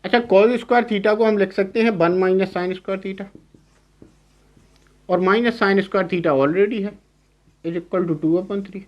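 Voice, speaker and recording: A man's voice: sits high, steady tone, unhurried, long pauses, dull audio. A male math teacher giving a lecture in Hindi mixed with English terms. He keeps asking short checking questions and repeats each key term. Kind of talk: classroom-style lecture.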